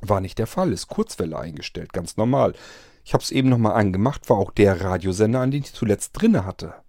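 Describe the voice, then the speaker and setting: A man's voice: fairly low pitch, lively intonation, brisk, creaky, dark tone, dry recording, studio quality. A man telling his listeners about a strange event, rambling and hesitant with many fillers and restarts. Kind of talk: casual spoken account.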